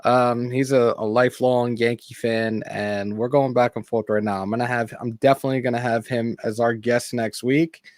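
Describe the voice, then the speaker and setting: Podcast co-host, man, mid pitch, animated ranting, close dry mic. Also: moderate pace, hardly any pauses, no room sound. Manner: animated, ranting, laughs easily. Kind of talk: casual sports chat.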